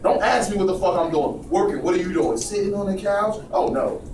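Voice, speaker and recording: A man's voice: high-pitched, brisk. A man giving a blunt, profane motivational talk to a small audience and asking them to agree with him. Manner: preachy, profane, asks the room for agreement. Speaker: speaker addressing a group. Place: indoor room with a small audience. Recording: echoey noisy room from far off.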